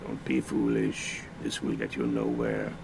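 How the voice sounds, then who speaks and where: Grim game villain, very low and gravelly, flat and stern, game audio with noise behind. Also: male voice, a little slow, exaggerated voice. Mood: cold threat. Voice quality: gravelly, deep. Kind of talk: video game voice acting.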